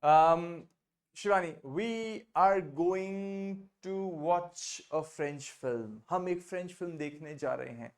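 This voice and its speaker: A French teacher with an Indian English accent leading an online class over a video call, mixing English, Hindi and French and repeating phrases patiently. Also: medium pitch. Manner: patient, drills phrases by repeating them slowly.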